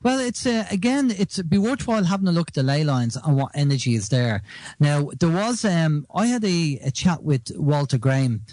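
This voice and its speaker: A man from Ireland, a guest on a radio show, with a somewhat high voice and a dry, close sound. He explains things by telling stories in casual conversation. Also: lively intonation, normal speed, darkish tone, no echo. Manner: storytelling, explanatory.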